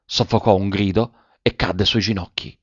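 A man narrating a literary story in a measured, even way. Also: lowish voice, slightly rough, dry recording, dull audio.

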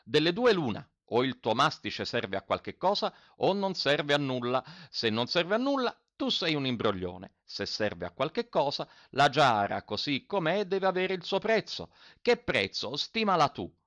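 A man voicing a hot-tempered, stingy landowner who shouts and exclaims indignantly. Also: on the high side, sing-song, measured pace, few pauses, no room sound, muffled recording, voice pushed up, exaggerated voice.

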